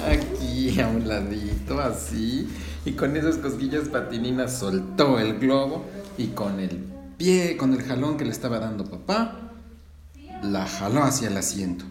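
A man telling an improvised children's story at home, switching into high voices for the little characters. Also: expressive, measured pace, reverberant, crowd noise. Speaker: father telling a bedtime-style story.

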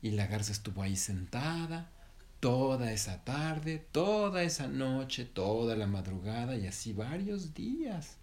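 A man gently telling an improvised bedtime story to his child, pausing to correct himself. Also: medium pitch, big pitch swings. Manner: gentle, unhurried, self-correcting.

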